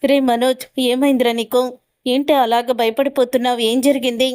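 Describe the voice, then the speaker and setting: A woman's voice: a little high, level tone, normal speed, darkish tone, no echo, studio quality, lightly acted. A woman reading the lines of a stern, commanding mother-in-law in a retold family drama, in a scolding, demanding way.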